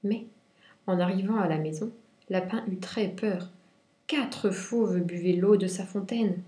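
A woman reviewing and reading a children's picture book aloud in clear, expressive storytelling. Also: medium pitch, measured pace, a little hiss or hum. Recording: roomy echo.

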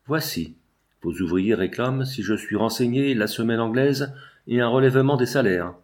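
A man voicing an aging, scheming provincial deputy who pleads and insists in a low, wheedling way. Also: normal speed, close to an everyday voice. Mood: pleading.

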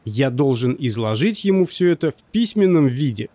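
Figure: tense determined male doctor, read by a male narrator. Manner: urgent, clipped. Pitch: middle. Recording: dry, close. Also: big pitch swings, normal speed, mellow, no room sound.

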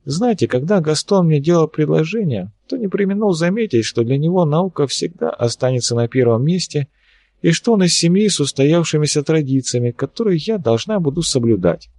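A man's voice: on the high side, expressive, fairly quick, a little mellow, no room sound, voice pushed up. A man voicing a wry, worried young woman.

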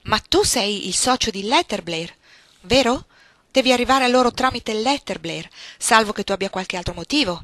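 A woman's voice: mid-range voice, a little fast, a bit bright, no room sound, lightly acted. A woman voicing a shrewd, imperious old grandmother who is bedridden, speaking in an insistent, sly and coaxing way in an audiobook.

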